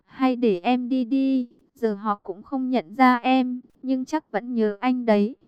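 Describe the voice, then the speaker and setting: A woman's voice: a little high, fairly even intonation, slow, smooth, no room sound, muffled recording. A woman reading an audiobook and voicing a cool, blunt young man with a curt, mocking way of talking.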